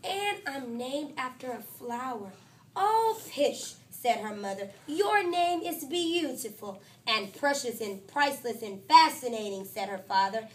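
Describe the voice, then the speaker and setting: In her classroom, a woman teacher with a somewhat high voice reads a picture book aloud at an unhurried pace. Her storytelling is lively and expressive, with the characters' lines voiced higher and louder. She sounds a little distant from the microphone.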